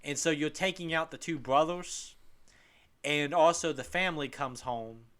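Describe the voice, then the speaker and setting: A man's voice: on the high side, moderate pace, a bit bright. A man co-hosting a podcast, chatting casually and animatedly retelling game scenes with laughter. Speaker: podcast co-host.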